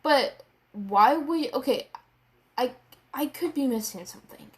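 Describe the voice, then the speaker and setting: Slow-talking, excitable young woman reviewer. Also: sits high. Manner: excitable, rambling, swears and repeats herself. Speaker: anime and manga reviewer. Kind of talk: casual video review.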